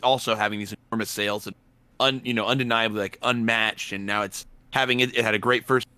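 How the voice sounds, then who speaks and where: A man's voice: fairly low pitch, steady tone, quick pace, sharp tone, smooth, dry recording. Man on a choppy call, endings clipped. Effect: choppy audio cutting out, endings clipped. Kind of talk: casual interview chat on a video call. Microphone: video call.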